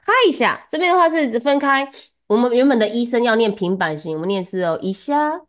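A woman's voice: on the high side, fast talker, a bit bright. A woman giving a one-on-one Japanese lesson, chatty and laughing often as she coaches pronunciation. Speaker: Japanese tutor.

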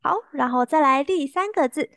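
A woman with a bright, high voice leads a language lesson and repeats each word slowly and clearly so students can copy it. The sound is close and dry, with no room around it. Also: no echo. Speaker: language teacher.

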